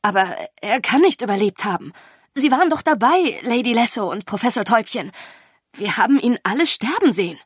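A woman's voice: fairly high pitch, expressive, brisk, husky, no room sound, studio quality. A woman voicing an earnest, pleading teen girl. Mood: insistent. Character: earnest, stubborn teenage girl.

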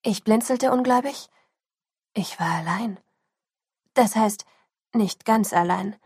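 A woman reading a first-person story as audiobook narration, sinking into a hushed whisper at tense moments. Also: mid-range voice, slow, breathy edge, no echo, clean studio sound.

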